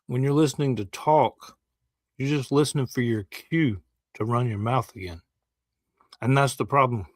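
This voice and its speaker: Reaction-stream host, man, chewing as he talks, even middle voice, dry close mic. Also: medium pitch, no echo. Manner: measured, lecturing explanations. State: eating while talking. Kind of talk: live reaction commentary.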